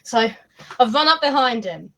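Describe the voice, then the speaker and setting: A woman who is a regular podcast contributor, telling a lively anecdote in casual chat and acting out the quotes. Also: fairly high pitch, normal speed, gravelly, low-quality recording.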